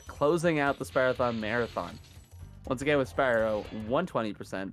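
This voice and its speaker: A man with a lowish voice, hoarse from days of yelling, commentates a live gaming marathon in a casual, chatty, self-deprecating way.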